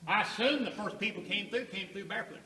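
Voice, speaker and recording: A man guiding a group through a cave, talking unhurriedly with rhetorical questions and pauses, his voice ringing with cave echo and picked up from a distance. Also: sits high, bright, forceful tone. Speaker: cave tour guide. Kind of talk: guided tour talk. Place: inside a large cave. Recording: echoey cave from far off, faint noise.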